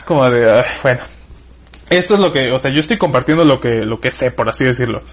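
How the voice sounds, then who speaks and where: A man's voice: mid-range voice, fast talker. A man with a Mexican accent hosting a casual chat, rambling as he retells a creepy story in detail.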